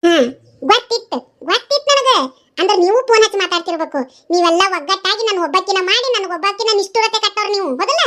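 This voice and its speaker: A woman's voice: very high voice, fast talker, fairly bright tone. A woman voicing a nagging middle-aged mother in a cartoon, scolding and mocking in a North Karnataka Kannada accent.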